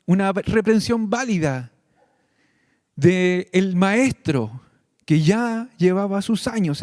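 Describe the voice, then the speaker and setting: Slow, high-voiced preaching pastor. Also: male voice, a little mellow, no room sound, studio quality. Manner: slow, earnest preaching addressing the congregation directly. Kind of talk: sermon.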